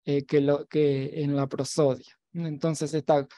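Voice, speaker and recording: A man giving an academic talk as a lecturer at a virtual symposium. He pauses and restarts often, with many fillers and tag questions. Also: on the high side, level tone, dark tone, no echo, studio quality. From Argentina. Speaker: university lecturer.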